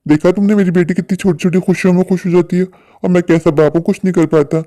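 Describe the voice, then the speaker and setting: Man doing a cartoon dad, earnest, quick talker, warm mellow tone. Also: high-pitched, steady tone, natural voice. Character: humble father, worried about money.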